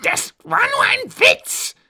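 A man voicing a spiteful, gloating baby chicken villain in a mean, squeaky voice. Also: animated, slow pace, creaky, bright, forceful tone, full character voice.

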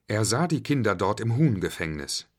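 A man telling a home-made children's story, reading it slowly and expressively. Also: on the low side, breathy edge. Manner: slow, expressive.

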